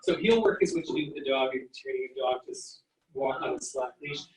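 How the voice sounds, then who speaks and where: A man's voice: medium pitch, animated, brisk, a little hiss or hum. A man giving a university psychology lecture, explaining step by step and sounding out letters and words. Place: lecture hall. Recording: echoey room, mic at a distance.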